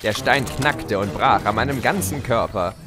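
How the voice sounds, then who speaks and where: With music in the background, a man narrates in theatrical first person as a gleeful, scheming chaos creature recounting his escape in an audio drama. He sounds smug and playful. His voice is lowish and natural, at normal speed.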